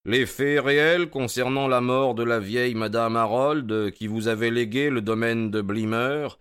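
A self-assured detective, cool and ironic, played by a man who speaks with calm, methodical needling. His voice is smooth and resonant. He delivers in a radio drama manner. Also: medium pitch, a little slow, close to an everyday voice.

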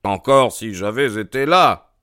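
A man's voice: fairly low pitch, smooth, dry recording, clean studio sound. Man voicing Sherlock Holmes, keen and probing. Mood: intrigued. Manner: quick, questioning, excited interjections. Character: keen, probing male detective, eager and precise. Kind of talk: audiobook character reading.

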